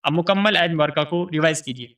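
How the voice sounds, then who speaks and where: A man teaching tajweed, chanting verses slowly and melodically and explaining the rules quickly and plainly. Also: fairly high pitch, fairly bright tone, recorded from a distance. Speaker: Quran recitation teacher. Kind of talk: tajweed lesson with recitation.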